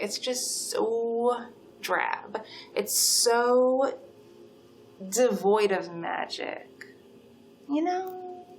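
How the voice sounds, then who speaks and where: Woman as obsessive supernatural yandere kidnapper for audio role-play: high, slow delivery, sugary and controlling, unhinged menace throughout. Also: slight background noise. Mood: giddy, creepy. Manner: unhinged sweet menace, gushing then threatening. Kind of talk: dramatic second-person role-play monologue.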